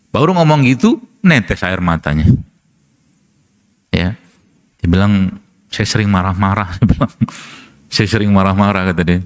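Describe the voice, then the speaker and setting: A middle-aged man, a preacher and doctor, gives a casual religious talk full of anecdotes, chuckling often and asking rhetorical questions. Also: on the low side. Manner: chatty storyteller, laughs often, asks rhetorical questions.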